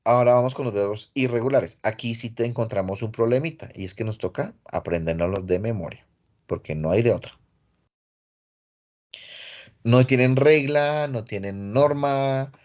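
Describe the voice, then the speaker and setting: Man, online English teacher, patient step-by-step explaining, mid-pitched voice, computer mic. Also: normal speed, darkish tone, muffled recording. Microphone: computer mic on a video call.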